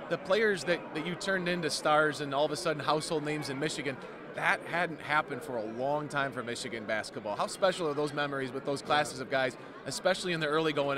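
Fast-talking young TV sports reporter. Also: male voice, fairly high pitch. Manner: upbeat, quick leading questions. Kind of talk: red carpet interview. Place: event red carpet, indoors. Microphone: handheld mic.

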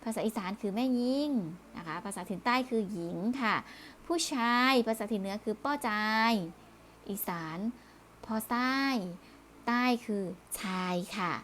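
A woman's voice: mid-range voice, measured pace, a bit bright, a little hiss or hum. A woman teaching primary school children in a recorded review lesson, speaking patiently, repeating words and closing phrases politely.

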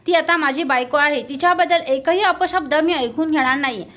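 A woman's voice: high-pitched, fairly quick. A woman voicing a hot-tempered young man who defiantly stands up to his elder brother. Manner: shouting, defiant.

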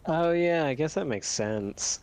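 A man's voice: a little high, animated, measured pace, a little mellow. A man chatting during a game with a teammate, hesitant with many ums and a dry sense of humor. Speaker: gamer. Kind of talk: casual gaming voice chat.

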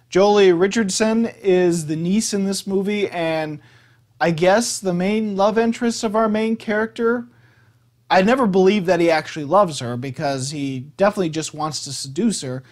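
A man giving a casual movie review, blunt and opinionated, swearing freely. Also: high-pitched.

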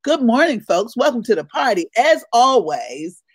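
A woman co-hosting a casual morning chat show, loud and laughing as she tells stories and gossips. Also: on the high side, big pitch swings, moderate pace, husky, no echo. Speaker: co-host.

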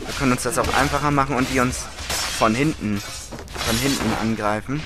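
A man's voice: medium pitch, a little fast. A man giving casual gameplay commentary as a let's play host, chatty and often correcting himself. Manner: chatty, self-correcting, frustrated at times. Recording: commentary over loud game music.

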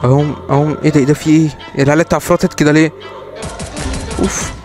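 Young Egyptian man, excitable game streamer, quick teasing commentary over loud game music. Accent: Egyptian Arabic. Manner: excitable, teasing, yelps high when tense. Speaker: gaming streamer. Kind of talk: live gameplay commentary.

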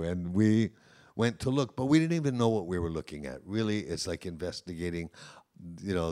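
A man's voice: low-pitched, darkish tone. A man, a professor of Hawaiian language, giving an informal lecture to a room of teachers in a conversational, anecdotal way, with frequent "you know" asides.

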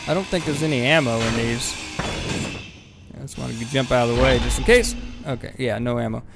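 A man giving rambling, casual let's-play commentary on his game, swearing freely and breaking into excited bursts. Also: medium pitch, moderate pace, gravelly, background noise. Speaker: gaming video host.

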